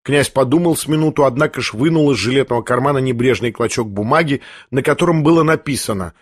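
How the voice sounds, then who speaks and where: Husky male audiobook narrator. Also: mid-range voice, quick pace, dry recording, clean studio sound.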